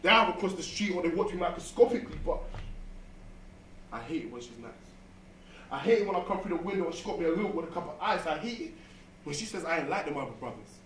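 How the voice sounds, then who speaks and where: A man's voice: on the high side, lively intonation, fast talker, a bit bright. A man with a London accent performing a slangy, rhyming spoken-word monologue on his own, playing both parts of the conversations. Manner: switches between narrator and quoted characters, slangy, rhythmic. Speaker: solo stage performer. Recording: echoey room from far off, faint noise.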